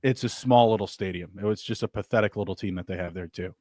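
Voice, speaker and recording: A man's voice: lowish voice, quick pace, a little mellow, no room sound, clean studio sound. A man co-hosting a live-stream talk show, joking and ribbing his co-host and often repeating himself for emphasis. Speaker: podcast co-host. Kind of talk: casual live-stream banter.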